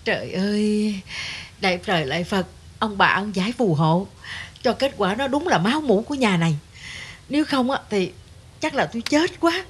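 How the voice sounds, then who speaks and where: An actress playing an anxious older mother-in-law who longs for a grandchild, talking in quick, fretful exclamations. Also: medium pitch, animated, breathy edge. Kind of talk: TV drama acting.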